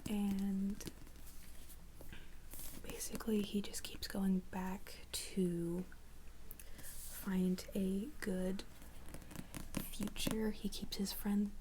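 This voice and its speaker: Young woman doing a whispered role-play as a librarian, real slow soft whisper, some noise and clicks. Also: mid-range voice, little pitch movement, low-quality recording. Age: young adult. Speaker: ASMR creator playing a librarian.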